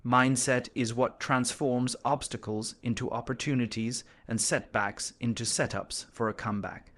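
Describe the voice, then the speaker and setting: A man's voice: medium pitch, fairly even intonation, normal speed, a bit bright. A man delivering a scripted gym motivational speech as a speaker, emphatic and declarative, in short punchy phrases.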